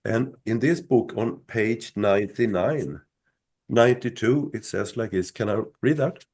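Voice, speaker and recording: Slow, gravelly-voiced man losing his voice. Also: on the low side, a little mellow. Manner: slow, halting, many restarts. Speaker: son telling his mother's story. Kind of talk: live talk with a host.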